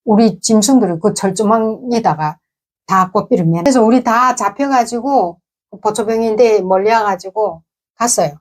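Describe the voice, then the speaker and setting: A woman's voice: medium pitch, normal speed. A woman from North Korea with a North Korean accent, telling a personal story in a casual, vivid way full of sound words. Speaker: defector recounting her past.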